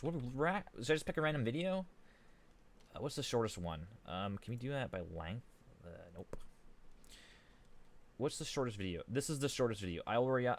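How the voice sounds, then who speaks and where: A man's voice: medium pitch, slight background noise. A man rambling casually on a live stream, restarting his sentences and reading chat aloud into a desk microphone.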